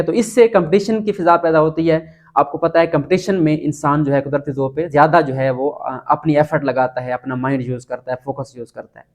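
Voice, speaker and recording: A man's voice: a little high, a little mellow. A man giving a casual spoken lesson, explaining step by step and spelling words out letter by letter. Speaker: teacher.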